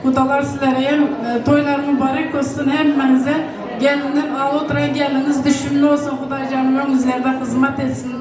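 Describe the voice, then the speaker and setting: Very echoey, even-toned woman giving wedding blessings. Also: high voice, fairly quick. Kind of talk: informal blessing speech at a wedding. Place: wedding celebration venue. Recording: very echoey hall, far-off, crowd noise. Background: crowd of guests.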